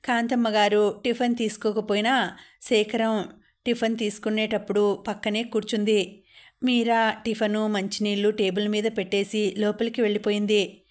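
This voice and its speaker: Steady woman audiobook narrator. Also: mid-range voice. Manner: steady, measured reading. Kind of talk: scripted narration.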